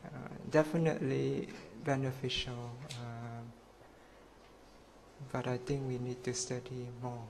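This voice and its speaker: A man's voice: medium pitch, level tone, a little slow, creaky, a little mellow, slight background noise. A man from Malaysia, a monk participant, giving hesitant course feedback with many fillers.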